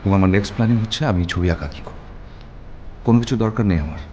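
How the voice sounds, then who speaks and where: A man's voice: on the low side, racing, mellow, muffled recording, a little hiss or hum, natural voice. An actor playing an artist husband in a TV drama, arguing in a stern, lecturing way with his wife. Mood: reasoning. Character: artist husband arguing over parting, male adult. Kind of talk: TV drama acting.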